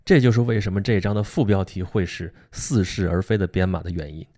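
A native Mandarin Chinese speaker gives an easygoing lecture on a book, talking conversationally and throwing rhetorical questions at the listener. He talks fast in a low, warm voice.

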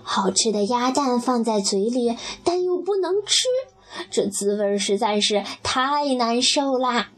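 A woman gently reading a children's story aloud and speaking to the child listener. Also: on the high side, animated, unhurried.

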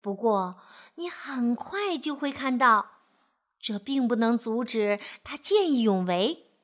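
Woman storyteller, children's picture book, high voice, slow, gentle, expressive. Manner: gentle, expressive read-aloud.

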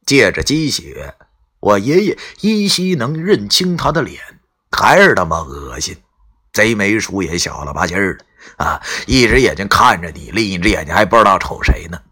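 A man's voice: fairly low pitch, very animated, moderate pace, pushed and bright, breathy edge. A man telling a folk story live, colloquial, with swearing asides.

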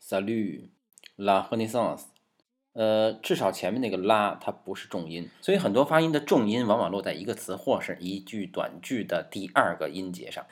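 A man hosts a music history lesson in a playful, jokey manner, even addressing his piano. His voice sits low, but his pitch swings widely. Faint piano music plays behind him. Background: piano playing.

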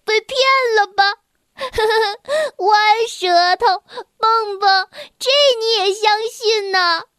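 A woman's voice: extremely high pitch, animated, a little slow, dry recording, studio quality. A woman voicing a playful, mischievous young male frog in a children's storybook, with a teasing, giggly way of talking. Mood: gleeful. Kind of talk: storybook reading.

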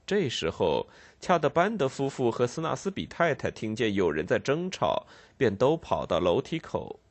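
A man narrates a classic novel with a highly animated, swooping delivery. His voice sits at an ordinary male pitch but moves constantly up and down. He reads in a smooth, scripted storytelling way. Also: normal speed. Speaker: audiobook narrator.

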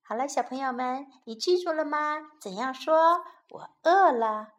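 A woman teaching English to children, telling a storybook tale in Chinese and speaking in a lively, clear, teacherly way to her young listeners. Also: high-pitched, normal speed. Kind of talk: bilingual storytelling lesson for children.

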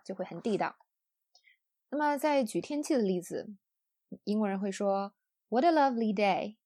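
Chatty woman teaching English, mellow voice. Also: medium pitch, dry recording, studio quality. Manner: friendly and chatty, with soft sentence-final particles. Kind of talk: explaining English usage to students.

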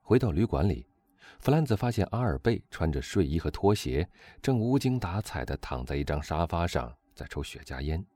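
A man narrating a novel as an audiobook, telling the story in a steady, expressive way. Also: sits low, normal speed, dry recording.

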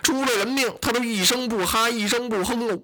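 A man's voice: extremely high pitch, brisk, bright, forceful tone, pitched above the performer's own voice. A man voicing fawning, gossipy minor officials who tattle eagerly, in a traditional storytelling performance. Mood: tattling.

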